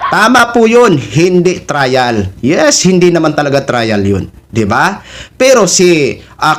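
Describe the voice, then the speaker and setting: Polite man hosting a reaction video. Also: a little high. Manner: polite, uses respectful "ho" and "po". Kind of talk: casual commentary to viewers.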